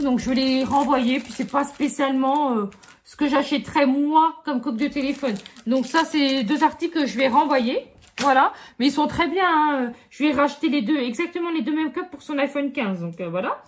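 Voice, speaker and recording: A middle-aged woman chatting casually through a haul review, full of fillers and asides to her viewers. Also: sits high. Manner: chatty, many fillers like euh and franchement. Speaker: beauty vlogger.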